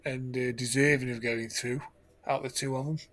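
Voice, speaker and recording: A man's voice: medium pitch, steady tone, fairly quick, fairly bright tone. A man co-hosting a casual football podcast, rambling and often laughing. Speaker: podcast co-host.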